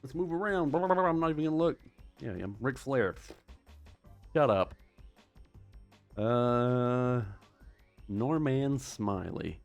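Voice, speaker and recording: American dude rambling, sarcastic, voice bouncing all over the place, bit of music low behind him. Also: male voice, lively intonation, a little slow, pauses often, clear, resonant tone. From United States. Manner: rambling, sarcastic, self-deprecating. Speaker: YouTube host. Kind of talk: casual commentary.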